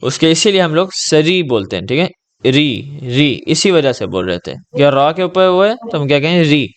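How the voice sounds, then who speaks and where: Gentle man tutoring over a video call. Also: on the high side, big pitch swings. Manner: gentle, reassuring, repeats "ٹھیک ہے؟" often. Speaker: Arabic tutor. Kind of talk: patient one-on-one online lesson.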